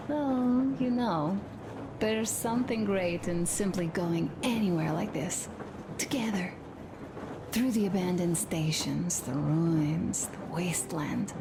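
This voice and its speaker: A young wife in a video game, confiding tenderly in her husband. She speaks slowly and softly, in a reflective, intimate way. There is clear ambient noise behind the voice. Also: mid-range voice. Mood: wistful, tender.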